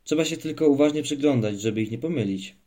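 A man voicing a playful, teasing father who spins a mysterious tale in a hushed voice. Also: mid-range voice, quick pace, pitched above the performer's own voice, close to an everyday voice. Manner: mock-mysterious, half whispering when telling tales.

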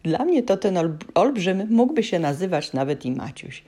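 A woman reading a children's story aloud in a lively, playful, expressive way. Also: on the low side, normal speed, husky.

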